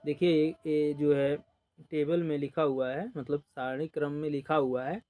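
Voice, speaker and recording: "Dekhiye" and "ok" come up often as this man slowly teaches basic number systems step by step. His voice is a little high, mellow, and steady in tone. He explains with patience, repeats numbers, and lets his counting drag out like a classroom lesson.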